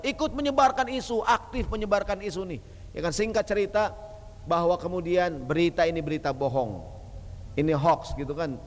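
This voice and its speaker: A male Islamic preacher gives a lively, joking sermon and keeps asking the audience rhetorical questions. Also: fairly high pitch. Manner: casual, joking, slangy delivery. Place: mosque hall. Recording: long hall reverb.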